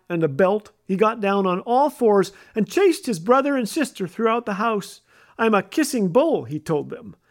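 Wry storytelling man, high voice. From Canada. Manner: wry, self-mocking delivery. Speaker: radio host. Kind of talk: humorous storytelling.

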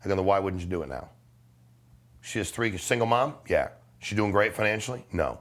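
A middle-aged life insurance salesman, appearing as a podcast guest, talks casually and persuasively in a low, expressive, slightly bright voice at a brisk pace. He's blunt and emphatic, throwing in slang and swearing.

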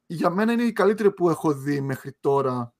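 A young man co-hosting a podcast in casual chat, relaxed, laughing often and trailing off mid-sentence. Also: on the high side. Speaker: podcast co-host.

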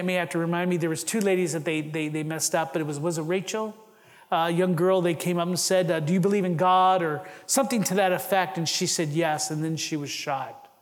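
A man's voice: high-pitched, in a large hall. A pastor delivering a sermon to his congregation, earnest and emphatic, often restarting his phrases. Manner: earnest preaching with rising emphasis and frequent restarts.

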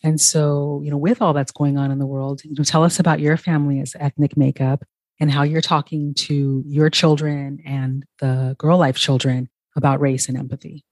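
Brief: woman podcast host, even delivery, dry close-miked sound, lots of affirmations. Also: deep voice, normal speed, no room sound. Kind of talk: podcast interview.

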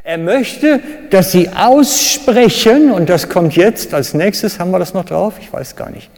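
A man with a German accent preaching a sermon, animated, with sudden loud high bursts when he acts out cries and quotes. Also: measured pace, a little hiss or hum. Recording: reverberant hall.

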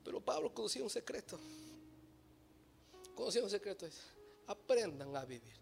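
A man preaching a sermon, swinging from soft, low musing to loud shouting and slipping in short English phrases. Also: sing-song, moderate pace, gravelly, soft background music.

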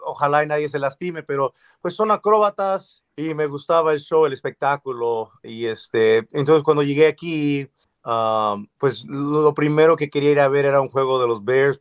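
A relaxed Mexican man chatting as a guest, his voice a touch higher than most men's. He laughs easily between phrases. The sound is dry and close, with no room around it. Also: moderate pace, smooth, no room sound. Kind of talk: casual conversation.

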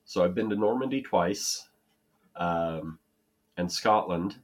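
A man with a low voice talks at a slow pace. He's an American co-hosting a casual podcast chat, rambling and poking fun at himself, often restarting his sentences.

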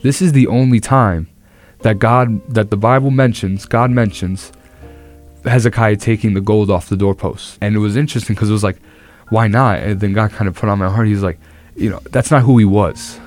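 A man's voice: on the low side, steady tone, brisk, a little mellow. A young man retells a Bible passage on a casual faith podcast. He talks earnestly and with animation, often restarting his sentences. Faint music sits behind him. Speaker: podcast co-host.

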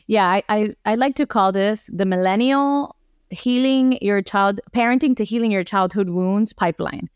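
A woman's voice: mid-range voice, moderate pace, smooth, no echo, clean studio sound. A woman in her thirties from Miami, a guest psychologist on a podcast, explaining things in a thoughtful way with a lot of "like". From Miami, United States. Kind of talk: podcast interview.

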